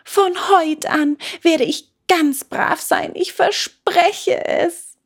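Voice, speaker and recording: Woman doing a squeaky wooden puppet boy. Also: measured pace. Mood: pleading. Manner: high, pleading, excitable. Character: eager wooden puppet boy, whiny and impulsive.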